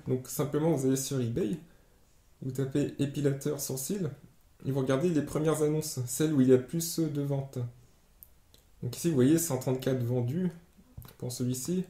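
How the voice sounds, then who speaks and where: A man giving a screen-share tutorial as an online sales trainer, explaining step by step and pausing often on fillers. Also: medium pitch, warm tone. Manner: explanatory, hesitant with many fillers. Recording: roomy echo.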